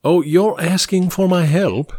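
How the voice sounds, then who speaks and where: A man doing a terse, sharp-witted detective. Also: high voice, unhurried, no room sound, studio quality, pitched above the performer's own voice. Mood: cool, terse. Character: cool, clipped sharp-witted male detective. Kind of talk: audiobook character voice.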